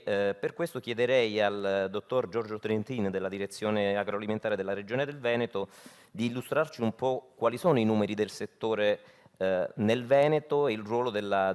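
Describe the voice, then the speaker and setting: A man's voice: fairly low pitch, a little mellow, smooth. A man moderating a conference, thanking and introducing speakers in an informal, spontaneous way.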